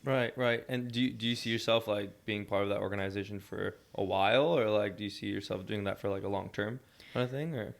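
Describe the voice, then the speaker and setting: Hesitant podcast host man, gravelly low voice. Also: fairly quick. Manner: hesitant, lots of fillers. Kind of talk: casual interview chat.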